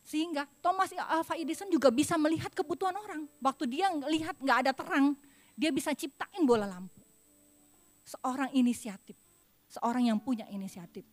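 High-voiced woman preaching a sermon. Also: moderate pace. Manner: confessional, swings from loud emphasis to hushed apology. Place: church pulpit.

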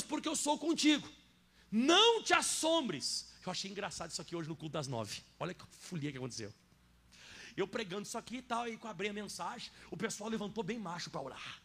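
A male pastor with a Brazilian Portuguese accent delivers a lively sermon in a church. His voice sits high for a man, dropping to quiet asides and then rising into loud, emphatic declarations. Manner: animated preaching, swings from soft asides to loud emphatic declarations. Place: church sanctuary.

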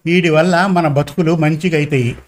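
A man's voice: a little high, steady tone, moderate pace, close to an everyday voice. A man reading a storybook and voicing a poor village woman, a grieving, anxious mother, with scolding, pleading village talk.

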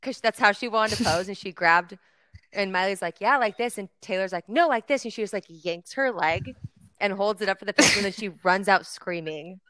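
A woman's voice: medium pitch, brisk, pushed and bright, no room sound. A young woman co-hosting a podcast, telling a long story in casual chat with lots of fillers. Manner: chatty, filler-heavy storytelling. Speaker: podcast co-host.

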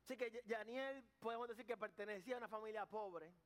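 A man's voice: high voice, fast talker. A man preaching a sermon at a church service, putting questions straight to the congregation. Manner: addresses the congregation directly with questions.

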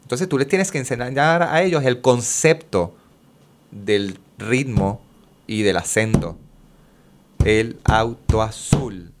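A man talks casually as a guest on a show. He explains things with lots of examples and a lively, slangy delivery, and his voice sits at an ordinary middle pitch. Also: a little slow, background noise. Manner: animated, explains with examples, Caribbean Spanish slang. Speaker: guest, music therapist. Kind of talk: casual conversation.

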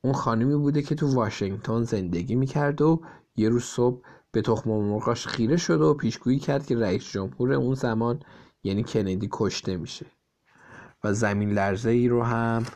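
A man voicing a lively, curious schoolgirl while reading a storybook aloud. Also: mid-range voice, lightly acted. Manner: eager, raised childlike voice.

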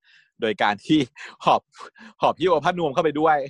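A man's voice: on the high side, moderate pace, dry recording. Chatty man recapping a show. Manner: chatty, giggles often, acts out quotes. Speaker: series recap host. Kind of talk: casual storytelling recap.

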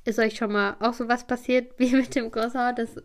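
A woman's voice: a little high, flat delivery, normal speed. A woman hosting a podcast, telling a story in a rambling, chatty way with many fillers. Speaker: podcast host.

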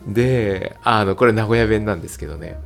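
A slightly fast, creaky-voiced man hosts his own relaxed podcast while faint music plays behind him. The English teacher keeps things chatty and lively in pitch, with frequent fillers and laughs.

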